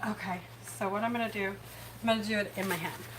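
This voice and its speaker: Against background noise, a woman speaks fast in a medium-pitched, fairly even voice. She hosts a home cooking livestream, talking in a chatty, meandering, self-deprecating style.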